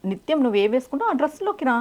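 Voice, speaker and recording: A woman's voice: high voice, sing-song, rapid-fire. A woman giving devotional advice in a direct, instructive way, often asking rhetorical questions. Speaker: spiritual speaker.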